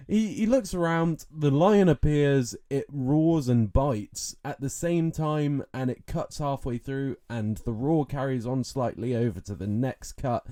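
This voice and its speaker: A man co-hosting a podcast, retelling movie scenes in an animated, incredulous way. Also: mid-range voice, measured pace, hardly any pauses. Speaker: podcast co-host. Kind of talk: casual film review chat.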